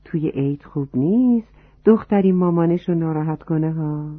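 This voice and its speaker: A narrator voicing a gentle, patient mother in a children's story, speaking in a soft, coaxing way. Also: medium pitch, no room sound, close to an everyday voice. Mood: tender. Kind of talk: storybook reading. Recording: dry, tinny phone-like sound.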